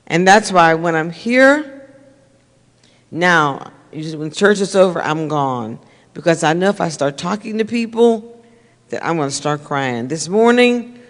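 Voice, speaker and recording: An older woman, giving an earnest, repetitive, conversational talk to a congregation as a minister. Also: lowish voice. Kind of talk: sermon-style talk to a congregation. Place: church sanctuary. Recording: reverberant church hall.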